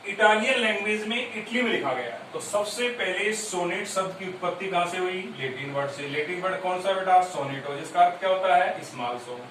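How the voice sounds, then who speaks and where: A man's voice: sits high, lively intonation, fairly quick, few pauses, a bit bright. Teacher guy lecturing, mixes english terms in, heavy echo, faint hiss in the background. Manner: explains step by step, repeats key points, quizzes students. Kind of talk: classroom lecture on poetry. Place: classroom. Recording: very echoey room, distant mic, faint noise.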